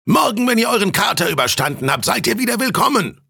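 A gruff innkeeper , put on by a male storyteller, roars in a high, strained voice. The delivery is raspy and gravelly and heard up close in a dry room. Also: sing-song, fast talker, sharp tone, no echo, full character voice. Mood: scolding.

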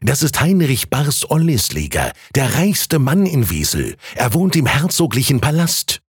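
A man's voice: medium pitch, wildly swooping pitch, a little slow, slightly rough, dry recording, studio quality, voice pushed up, exaggerated voice. A man voicing a knowing male townsman who explains things to a neighbor in a confiding tone.

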